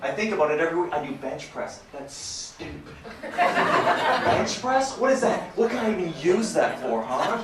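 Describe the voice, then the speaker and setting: Crude guy doing standup, bouncy lively voice, echoey club, loud crowd laughing. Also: a little high, brisk, few pauses, distant mic. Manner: brash, crude, animated storytelling. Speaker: stand-up comedian. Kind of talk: stand-up comedy set. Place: comedy club stage before a live audience.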